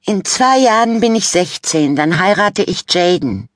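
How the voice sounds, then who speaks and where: A woman's voice: lowish voice, lively intonation, measured pace, no echo, studio quality, pitched above the performer's own voice. A woman voicing a vain, bossy fourteen-year-old girl who talks in a boastful, snippy, sing-song way. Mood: bickering.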